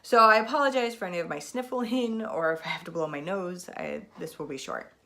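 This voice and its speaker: Her voice is lowish, gravelly, pushed and bright, and a little fast. She's a thirtysomething podcast host talking casually about knitting from home, sitting in a spinning chair before a camera with its built-in mic, stuffed up with a cold and rambling with lots of ums.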